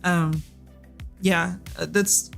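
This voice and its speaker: A Texas streamer with a Southern drawl hosts a reading sprint, chatting casually and rambling with plenty of fillers. The voice is medium-pitched, steady, very slow, gravelly and a little bright, picked up by a desk microphone with the headset off, while soft music plays in the background.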